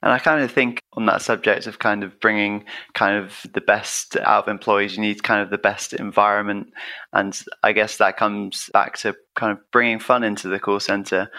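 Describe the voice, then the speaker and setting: A man's voice: fairly low pitch, bright, forceful tone. A man hosting a podcast, affirming his guest and asking questions with frequent "kind of" fillers. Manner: affirming, heavy use of "kind of". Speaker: podcast host.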